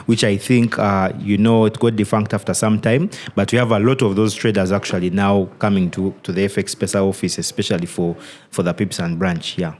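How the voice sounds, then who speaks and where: A man speaking as a guest trading educator on a podcast, thoughtful and halting, with many "you know"s. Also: on the low side, fairly even intonation, darkish tone. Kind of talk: casual podcast interview.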